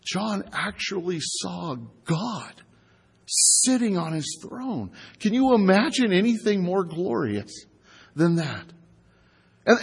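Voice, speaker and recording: A man delivers a sermon with a voice pitched high for a man. His tone is husky, and he talks to his congregation casually, asking rhetorical questions and stretching out the words he wants to stress. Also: long reverb tail. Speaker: pastor.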